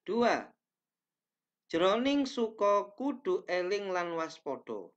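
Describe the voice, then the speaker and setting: A man's voice: high-pitched, big pitch swings, slow. A young man teaching a class, reading slides aloud with careful pacing and small self-corrections, in a small indoor room. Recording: dull lo-fi webcam audio.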